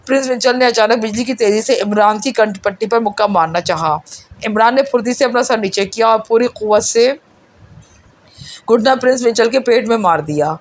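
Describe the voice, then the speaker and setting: A woman narrating a spy thriller audiobook in a steady, dramatic storytelling manner. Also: fairly high pitch.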